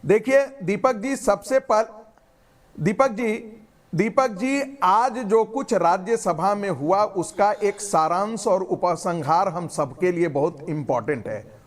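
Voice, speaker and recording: A man with a high voice speaks as a panelist in a heated television debate. His phrasing is formal and courteous, yet he keeps pushing to hold the floor against interruptions. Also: slow pace. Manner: formal, polite phrasing, fights to keep the floor. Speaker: pro-government panelist.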